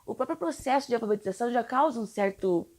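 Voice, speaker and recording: A woman's voice: on the high side, lively intonation, quick pace, a little mellow, a little hiss or hum. A young woman from Brazil, an English teacher for children, explaining in a chatty, reassuring way with frequent tag questions. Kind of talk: casual explainer video.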